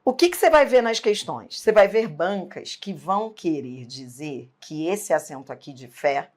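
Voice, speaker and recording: A woman's voice: on the low side, expressive, normal speed, darkish tone. A woman teaching an exam-prep grammar lesson, emphatic, asking rhetorical questions and checking in often.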